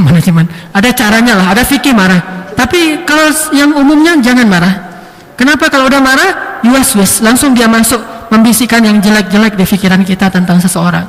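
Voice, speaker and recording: High-pitched guy giving a lively sermon, lots of questions to the crowd, long hall echo. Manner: lively, asks the audience questions, lists things in quick runs. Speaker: preacher. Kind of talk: sermon to a live audience. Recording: long reverb of a large hall.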